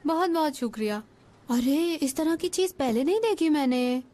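A high, piping little boy who is cheeky and nosy, played by a woman. He is blunt and pesters without letting up. This is dubbed drama acting. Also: expressive, moderate pace, mellow. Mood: pleased. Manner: pestering, blunt, keeps asking the same question. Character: cheeky nosy young boy, groom's brother.

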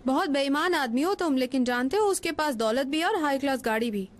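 A high, piping little boy who is cheeky and nosy, played by a woman. He is blunt and pesters without letting up. This is dubbed drama acting. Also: animated, a little fast, a little hiss or hum. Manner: pestering, blunt, keeps asking the same question. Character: cheeky nosy young boy, groom's brother.

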